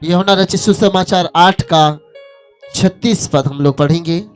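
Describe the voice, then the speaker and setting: Very high-voiced male pastor preaching. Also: a little slow, faint music behind. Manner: exhorts the congregation with rhythmic, repeated calls. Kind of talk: sermon.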